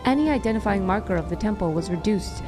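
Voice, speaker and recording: A woman's voice: medium pitch, lively intonation, quick pace, music in the background. A woman narrating a first-person story aloud with wry, dry humor. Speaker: author and narrator.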